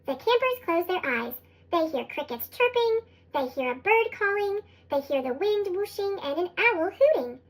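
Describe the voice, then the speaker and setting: Run through a sped-up chipmunk effect, the narrator's voice is extremely high and sing-song at a normal speed. It's an expressive, scripted read-aloud of a storybook for young children.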